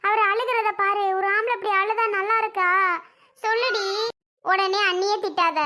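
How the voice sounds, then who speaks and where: A woman's voice: extremely high pitch, fairly even intonation, moderate pace, pushed and bright. A woman playing a young sister-in-law who pleads with and lectures a relative in a home-made family drama skit. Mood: pleading. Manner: pleading, lecturing, repeats herself.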